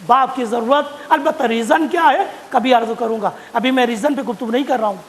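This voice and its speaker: A man preaching a sermon, repeating phrases for emphasis and rising to shouts at key points. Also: extremely high pitch, a little hiss or hum. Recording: long hall reverb.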